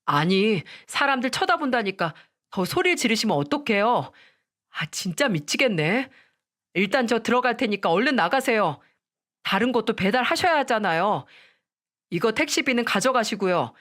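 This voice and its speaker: A woman's voice: on the high side, big pitch swings, moderate pace, fairly bright tone. A woman voicing an arrogant young husband in a storytelling drama, talking in a dismissive, irritated way. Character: arrogant newly promoted husband, young man.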